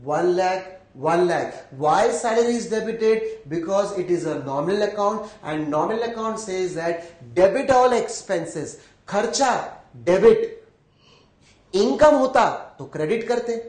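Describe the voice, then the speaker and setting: A man's voice: high voice, lively intonation, normal speed, hardly any pauses, a little mellow. A man with an Indian accent teaching accounting in a live lecture, explaining step by step, repeating phrases and checking that everyone follows. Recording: echoey room.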